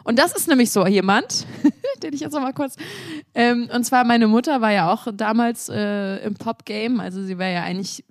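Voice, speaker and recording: A woman's voice: on the high side, moderate pace, no echo, clean studio sound. Chatty young woman who laughs a lot. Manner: teasing, laughs often, chatty. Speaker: podcast co-host. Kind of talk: casual chat.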